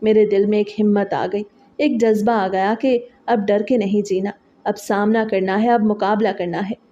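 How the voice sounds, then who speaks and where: A woman tells a dramatic story in the first person, earnest and full of feeling. Her voice is mellow and warm. The recording sounds slightly dull and lo-fi. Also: mid-range voice, fairly even intonation.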